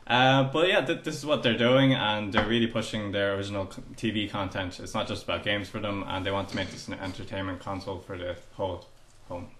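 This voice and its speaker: A man hosting a casual gaming podcast, reading news with many pauses and restarts. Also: fairly low pitch, fairly even intonation, fairly bright tone. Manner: hesitant, many ums and restarts. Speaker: podcast host. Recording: roomy echo with faint noise.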